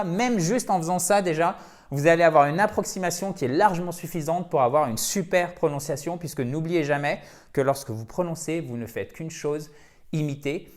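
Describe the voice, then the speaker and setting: Energetic man drilling English pronunciation. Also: fairly high pitch. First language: French. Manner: energetic, repeats words for drilling, chatty asides. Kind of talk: video lesson.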